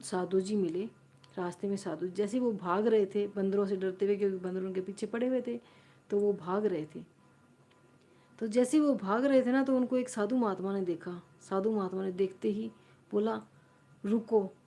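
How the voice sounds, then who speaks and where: A woman's voice: mid-range voice, moderate pace, mellow. A woman on a live stream, casually retelling a story to her viewers and repeating and rephrasing her lines as she goes.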